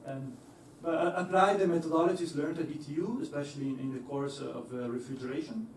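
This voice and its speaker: Heard from a distance in an echoey hall with slight background noise, a young engineer addresses an audience at a fairly quick pace and fairly high pitch. He speaks hesitantly with many fillers and restarts, laughing easily.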